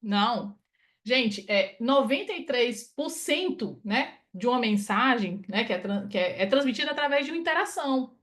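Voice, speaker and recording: Speaking in a fairly high, animated voice at a moderate pace, this Cearense consultant runs a conversational webinar by video call. She often ends phrases with "né?", and her tone is a little bright.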